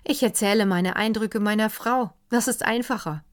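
A woman reading an audiobook, voicing an excitable, effusive middle-aged male doctor. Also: medium pitch, moderate pace, pitched above the performer's own voice, natural voice. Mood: rapturous. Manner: effusive, exclamatory.

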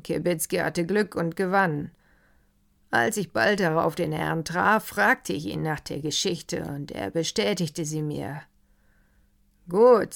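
A woman's voice: lowish voice, gravelly. A woman reading an audiobook, voicing a composed, ironic count who tells a story.

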